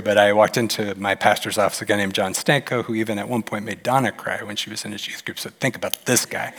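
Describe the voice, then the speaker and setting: A man preaching a sermon as a pastor, animated and telling stories, sometimes acting out the voices in them. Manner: animated, acts out quoted voices with big pitch jumps. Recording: long hall reverb.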